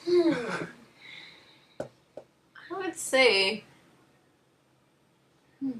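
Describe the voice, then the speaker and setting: Giggly rambling teen girl, a bit high. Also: very animated, very slow, noisy background. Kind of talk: casual chat.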